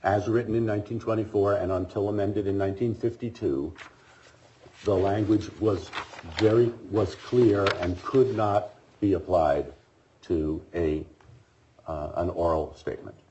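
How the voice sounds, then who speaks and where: A man arguing an appeal as defense attorney, speaking in a measured, formal way while coming down with a cold. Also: low-pitched, fairly even intonation, dark tone, a little hiss or hum. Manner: measured, formal legal argument. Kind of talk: oral argument before a court. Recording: dull lo-fi courtroom audio.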